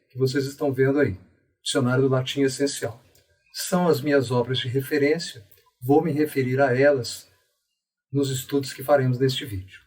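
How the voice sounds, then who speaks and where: A Brazilian man with a Brazilian Portuguese accent teaches in a slightly raised, husky voice. He explains step by step, slowing down to sound out example words. He sits a little back from the mic. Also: a little high, far from the mic. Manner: methodical, explains step by step and pronounces examples slowly. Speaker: educator explaining Latin pronunciation. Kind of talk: didactic video lesson.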